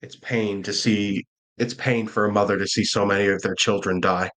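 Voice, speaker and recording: A man voicing an ancient, weary female dragon guardian who speaks gravely and mournfully. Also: low voice, little pitch movement, measured pace, fairly bright tone, pitched below the performer's own voice.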